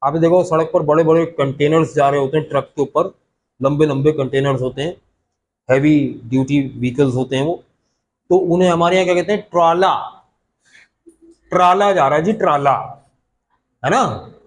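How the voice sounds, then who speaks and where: High-voiced man teaching English. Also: low-quality recording. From Pakistan. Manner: reads English lines slowly, then explains in Urdu with questions to students. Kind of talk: classroom lecture explaining a text line by line.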